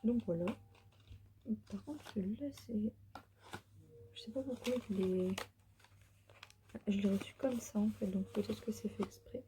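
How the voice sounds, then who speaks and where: A tired woman whispering softly through a casual beauty unboxing vlog from the floor of her bedroom. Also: mid-range voice, measured pace, long pauses, a little hiss or hum, low-quality recording. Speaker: beauty vlogger.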